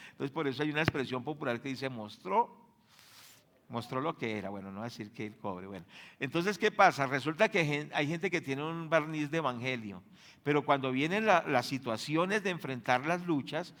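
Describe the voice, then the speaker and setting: A male pastor with a Colombian accent preaching a sermon, putting rhetorical questions to the congregation and swinging from loud to soft as he goes. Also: moderate pace. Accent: Colombian Spanish. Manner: acts out quoted voices with big jumps in pitch.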